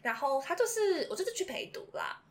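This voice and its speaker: A young woman with a Taiwanese Mandarin accent, hosting a podcast and telling a story in casual chat, animated and laughing often between words. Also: very high-pitched, a little fast. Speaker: podcast host.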